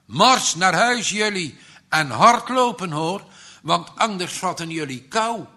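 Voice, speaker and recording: A brisk bargeman barks short, loud commands in a husky, slightly raised voice. The man reading the storybook gives him this voice. He sounds bright and forceful. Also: high voice, animated, voice pushed up, exaggerated voice. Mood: commanding.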